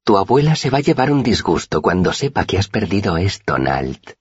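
Cruel gang boss kid, husky and raised way up, guy doing the voice, lively mocking tone, dry close sound. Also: mid-range voice, a little slow, dry recording, lo-fi sound, voice pushed up, exaggerated voice. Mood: calm threat. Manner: menacing, mocking. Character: cruel older street-gang leader boy.

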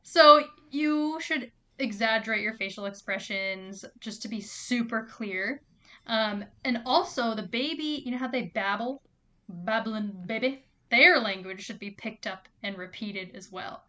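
Bright, fairly high-voiced woman co-host, casual, giggly fact-sharer. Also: measured pace. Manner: giggly, reads out facts with playful asides. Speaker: podcast co-host. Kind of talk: casual chat.

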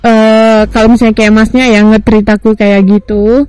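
A woman's voice: fairly high pitch, flat delivery, moderate pace, a little mellow, clean tone, faint music behind, low-quality recording. A young woman hosting a podcast, chatting casually and laughing often. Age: young adult. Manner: giggly, chatty, frequent laughter. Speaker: podcast host. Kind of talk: casual chat.

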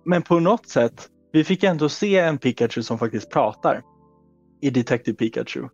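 A man's voice: medium pitch, expressive, darkish tone, muffled recording, soft background music. A man co-hosting a casual gaming podcast, thinking aloud through examples. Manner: thoughtful, talks through examples. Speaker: podcast co-host.

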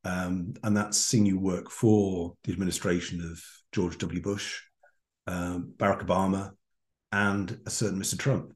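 A man's voice: sits low, little pitch movement, measured pace. A man hosting an interview, asking long, playful, rambling questions. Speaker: podcast host.

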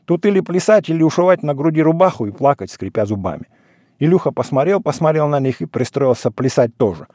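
A man narrating a literary short story in a measured, expressive way. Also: fairly high pitch, breathy edge, no echo, studio quality.

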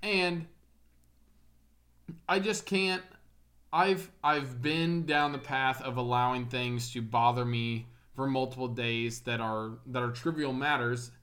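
A man's voice: medium pitch, fairly even intonation, slow pace, a bit bright. Podcast co-host, man in his twenties, mid-range voice, laid-back and reflective, casual swearing.

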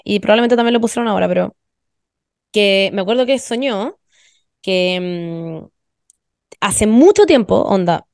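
A young woman with a Chilean accent carries the podcast, spinning stories in quick, slangy, animated chat full of swearing. Her voice sits a touch high and is captured close and dry, with no room sound. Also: dry recording. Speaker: podcast host. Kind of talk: casual chat.

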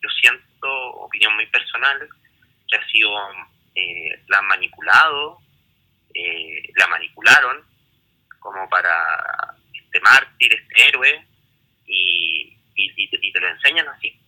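A man's voice: low voice, animated, measured pace, bright, forceful tone, low-quality recording. A man with a Chilean accent casually discussing history, rambling with many restarts and fillers. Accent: Chilean Spanish.

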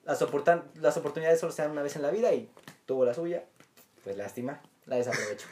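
A man hosts a joking casual chat and teases his guest, repeating his name over and over. His voice sits a little high. A faint noise is heard behind him. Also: quick pace, a little mellow. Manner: teasing, playful, keeps repeating his friend's name. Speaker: host.

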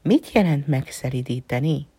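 A woman's voice: low voice, animated, dark tone, husky, no room sound, exaggerated voice. A woman voicing a curious, earnest little boy prince in a storybook reading, with a raised, eager, questioning tone.

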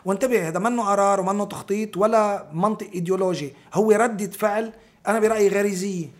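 A Lebanese man with a high-pitched voice in an informal political discussion. He talks quickly and emphatically, repeating phrases and throwing out rhetorical questions in blunt, coarse language. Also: steady tone.

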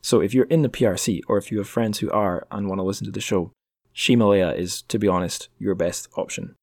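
A podcast host wraps up a casual solo episode, rambling through chatty plugs for the show with jokes at his own expense. His voice is on the low side and darkish, steady in tone and a little fast. The recording is dry and studio quality.

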